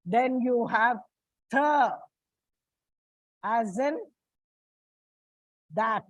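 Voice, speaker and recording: A woman teaching pronunciation, slowly spelling out and repeating each sound for her students. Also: sits high, animated, no room sound, rough recording. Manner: slow, deliberate, repeats sounds for learners. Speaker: English teacher. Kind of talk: classroom lecture on phonetics.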